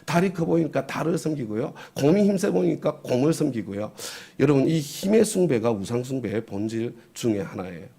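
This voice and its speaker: Mellow-voiced man preaching to a congregation. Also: medium pitch, sing-song, a little fast, gravelly, hardly any pauses, husky. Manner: asks the congregation rhetorical questions, tag "그죠?". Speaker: pastor. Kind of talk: early morning sermon.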